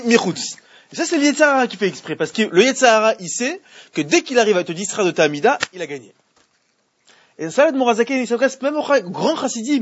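A man teaching a religious class, explaining with lively questions and chanting Hebrew verses slowly. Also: high-pitched, slightly rough, no room sound, dull audio. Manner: animated, explains by asking questions. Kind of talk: Torah class with students.

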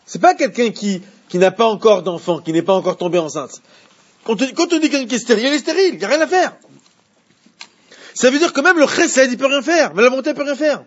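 Man teaching a Torah class, husky voice, questions the students, lo-fi recording. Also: very high voice, brisk. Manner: animated, asks the class questions.

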